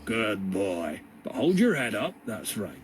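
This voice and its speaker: A man's voice: lowish voice, sing-song, slight background noise. A man playing a sneering, pompous jailer. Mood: lecturing. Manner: slow, sneering, lecturing. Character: sneering, pompous male jailer, cold and condescending.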